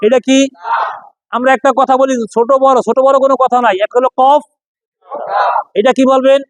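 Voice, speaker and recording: Man, Quran reading teacher, classroom drill, repetitive call-and-response, very high-pitched voice. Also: little pitch movement, dry recording, some chatter behind. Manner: repetitive, calls out questions, drawn-out chanting of letter names.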